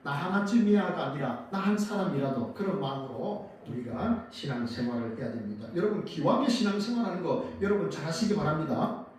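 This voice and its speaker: A man's voice: a little high, animated, a little fast. A man, a pastor, preaching a sermon who asks the congregation questions and answers them himself, his voice swelling and dropping. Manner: dramatic rises and drops in loudness. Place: church sanctuary. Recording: very echoey church hall, mic at a distance.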